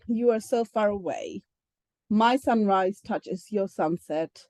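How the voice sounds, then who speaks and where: A woman poet reading a short poem in a slow, unhurried way. Her voice is mellow and dry, and she sounds gentle and tentative. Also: medium pitch, no room sound.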